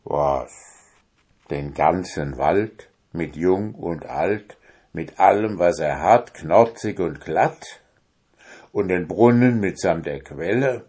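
A man voicing a huge, clumsy, dim-witted giant in a storybook reading, with a loud, booming delivery. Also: animated, slow pace, slightly rough, heavily acted. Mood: baffled.

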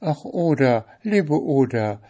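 A wheedling enchanted snake from a fairy tale, as a man puts him on, begging over and over in a coaxing, lifted voice. The storybook narration stays slow and gentle around him. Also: a little high, very animated, voice pushed up, heavily acted. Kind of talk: storybook reading.

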